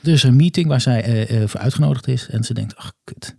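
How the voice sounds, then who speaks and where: Man, podcast guest, hesitant improvised storytelling, mellow dark tone, dry sound. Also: medium pitch, fast, vocal fry, no room sound. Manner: hesitant, with many filler sounds.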